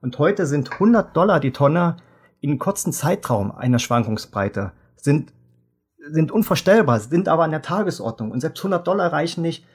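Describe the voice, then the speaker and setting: Husky-voiced man in his fifties. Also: fairly high pitch, very animated. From Germany. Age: 50s. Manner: measured, detailed explanations. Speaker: fertilizer sales expert. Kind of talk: podcast interview.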